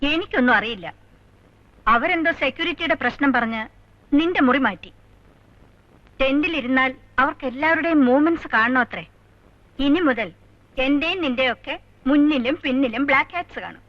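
An actress playing a calm, assured middle-aged judge and mother. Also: high-pitched, a little fast, pauses often, no room sound, close to an everyday voice. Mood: weary. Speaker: special court judge, mother. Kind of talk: 1990s film dialogue. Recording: dry, dull lo-fi film soundtrack.

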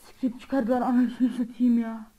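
A woman's voice: on the high side, little pitch movement, unhurried, lo-fi sound. A woman hosting a channel, giving frightened, pleading let's-play commentary on a horror game and swearing often. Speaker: gamer and channel host.

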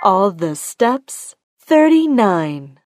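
A woman working as a bingo caller, announcing each call deliberately in short, separate phrases. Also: mid-range voice, big pitch swings, darkish tone, no room sound. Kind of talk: bingo calling with rhyming nicknames, announced number by number. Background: music.

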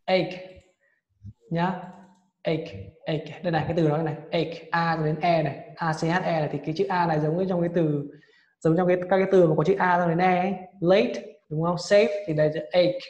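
A man teaching English vocabulary and correcting a student's pronunciation in a brisk, prompting way. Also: a little high, steady tone, a little mellow, dull audio. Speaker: English tutor. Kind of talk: vocabulary lesson with drills. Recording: echoey room with long reverb.

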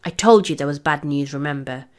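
A woman's voice: deep voice, brisk, lightly acted. A woman voicing a cocky schoolboy who teases his friends, in a playful manner. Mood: glum. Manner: playful and teasing.

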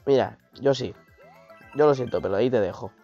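A man, hoarse from a cold, giving excitable live gameplay commentary, swearing and yelping at mishaps. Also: medium pitch, a little fast. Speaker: streamer. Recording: dull lo-fi stream audio with game music.

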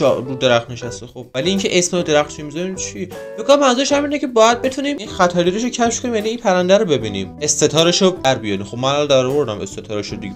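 A man narrates his reactions to a puzzle video in a fairly high, very animated voice. He brags in fun and mocks himself, breaking into excited shouts. Soft music plays underneath. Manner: mock-boastful, joking and self-teasing; excitable outbursts. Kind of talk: casual reaction commentary.

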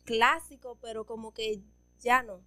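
Dominican lady trucker telling stories, expressive, higher voice, dry close sound. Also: a little slow, clear, resonant tone, dry recording. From Dominican Republic. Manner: chatty, expressive storyteller. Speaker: truck driver guest. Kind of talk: casual chat.

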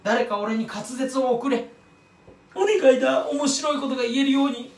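A man's voice: very high-pitched, moderate pace, distant mic. A man talking to camera in a casual rambling monologue, mocking himself and tripping over his words as he drifts from tangent to tangent. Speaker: YouTuber commenting on another creator. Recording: roomy echo, voice off-mic.

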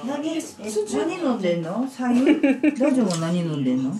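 Give me a middle-aged woman with a Kansai accent, teasing and animated, fairly high voice. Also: moderate pace, crowd noise. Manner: teasing, retells with laughter. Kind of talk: casual chat.

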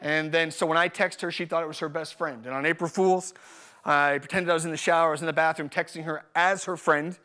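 High-pitched guy pastor preaching live at church, upbeat and jokey, keeps repeating the main point. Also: fast talker. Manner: energetic, joking, repeats key phrases. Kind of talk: live sermon with personal stories. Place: church service.

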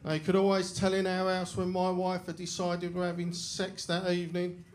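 A middle-aged man with a London accent doing a deadpan, self-deprecating stand-up set on a club stage, speaking into a handheld mic. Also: high voice, moderate pace, a little hiss or hum. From England. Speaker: stand-up comedian. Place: comedy club stage with a live audience. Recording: loud audience laughter in a club.

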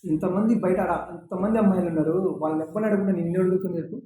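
A man playing a pushy boss who coaxes and insists at a rapid clip, with a dark, mellow voice. It is recorded in an echoey room in a low-budget skit. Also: natural voice. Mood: insistent. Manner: insistent, coaxing, repeats himself. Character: pushy male boss pressuring an employee.

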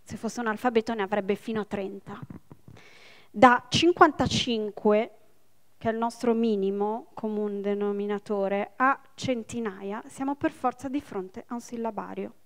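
A woman in her forties, a linguist giving a public lecture, explaining step by step with quick asides to the audience. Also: medium pitch, steady tone. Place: public library event hall.

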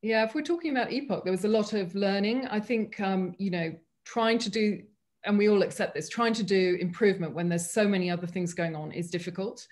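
A woman's voice: mid-range voice, a little fast, a little mellow. A woman speaking earnestly as a panelist in a medical webinar over a video call. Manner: thoughtful, earnest, frequent restarts.

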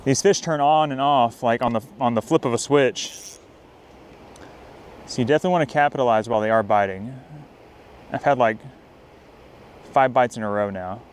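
Young dude vlogging his night fishing outdoors, normal pitch, gets real hyped n yells when he hooks one. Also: moderate pace, long pauses, a little hiss or hum. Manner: excitable, whoops and hollers when fish bite. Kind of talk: casual outdoor vlog narration. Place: riverbank near a dam at night, outdoors.

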